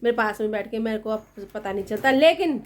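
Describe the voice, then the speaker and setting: A woman's voice: on the high side, lively intonation, fairly quick. A woman in her thirties chatting casually to the camera as a family vlogger, teasing and laughing often. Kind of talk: casual vlog chat.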